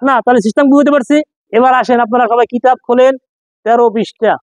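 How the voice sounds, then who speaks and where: A man's voice: very high-pitched, fairly even intonation, quick pace, no echo, poor audio. A man teaching Quranic letter reading to a class, spelling out sounds and asking questions that he answers himself. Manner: drills spelling by call and response, asks questions and answers himself. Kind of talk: classroom lesson.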